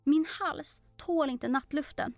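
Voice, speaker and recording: A woman's voice: sits high, a little mellow, dry recording, faint music behind, voice pushed up. A woman voicing a fussy, prim elderly magpie in a storybook.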